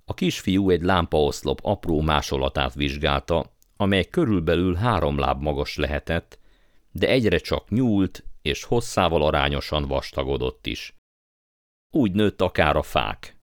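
A man reading a story aloud as narrator, in measured storytelling manner. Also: rumbling low, lively intonation, no echo, studio quality. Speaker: audiobook narrator. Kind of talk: scripted narration.

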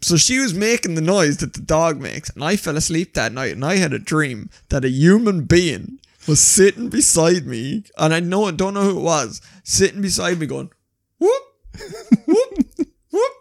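A man's voice: fairly high pitch, moderate pace, gravelly, few pauses. A man co-hosting a podcast, telling stories in casual chat and swearing freely as he mimics noises. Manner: animated storyteller who swears a lot and imitates noises. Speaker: podcast co-host.

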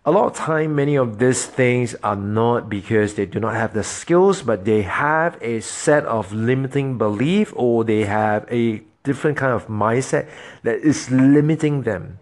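Man, podcast host, earnest, motivational, speaking straight to listeners, mid-pitched voice. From Singapore. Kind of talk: solo podcast monologue.

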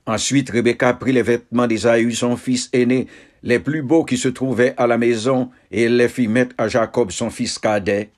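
A man reading scripture aloud in a measured, solemn way, in short phrases. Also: medium pitch, steady tone. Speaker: Bible reader.

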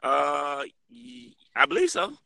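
A man's voice: on the high side, very animated, slow, gravelly, sharp tone, no echo. A man speaking laid-back on an internet call from outdoors while walking, his audio buzzy and breaking up all the time. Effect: glitchy call audio that keeps breaking up. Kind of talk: casual sports chat. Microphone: phone on an internet call.

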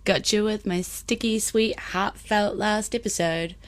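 A woman's voice: medium pitch, fairly even intonation, a little slow. A woman with a broad New Zealand accent chatting casually and colloquially as a podcast host. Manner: colloquial, with Kiwi slang and Māori phrases.

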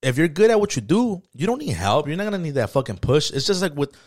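A man, co-hosting a casual podcast chat, telling stories in a profane, slangy, animated way. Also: fairly high pitch, fast talker. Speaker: podcast co-host.

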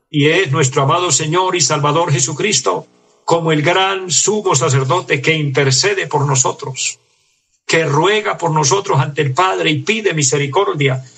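A man delivers a sermon in an earnest, pleading tone and reads scripture aloud. His voice sits fairly high, with a gravelly, husky grain. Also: fairly bright tone. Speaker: preacher.

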